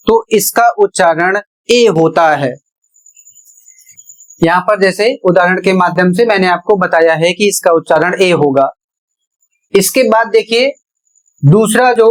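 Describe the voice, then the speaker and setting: A male English teacher giving a blackboard lesson, slow, patient and repetitive, asking questions and then answering them himself. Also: sits high, rough recording. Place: at a board.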